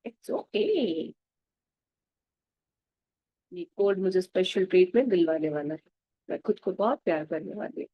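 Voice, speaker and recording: A woman with a cold, gently leading a mirror affirmation practice and repeating loving phrases in a mix of Hindi and English. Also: fairly low pitch, animated, a little slow, long pauses, no echo, muffled recording. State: has a cold. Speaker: self-love practice guide.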